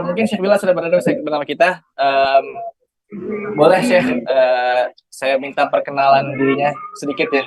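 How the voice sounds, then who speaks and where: A man's voice: mid-range voice, rough recording. A man hosting and moderating a religious talk, polite and friendly, with a hesitant manner. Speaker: host.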